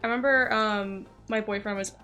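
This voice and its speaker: A young woman rambles in casual chat while livestreaming a game, with game music and voices in the background. Her mid-range voice is steady and sharp in tone at a moderate pace, and the sound is lo-fi.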